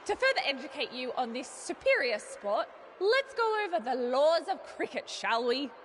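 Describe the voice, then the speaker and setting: A woman's voice: high-pitched, sing-song, moderate pace, a bit bright, a little hiss or hum. A woman voicing a cocky, boastful young wrestler, talking in a smug, mocking way. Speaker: talk show co-host in a wrestling game.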